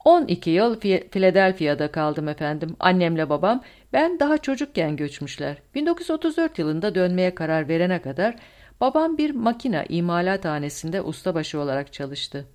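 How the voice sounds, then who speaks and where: A woman's voice: on the low side, big pitch swings, a little fast, darkish tone. A woman voicing a young, fresh-faced male lieutenant reporting formally. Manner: dutiful, formal.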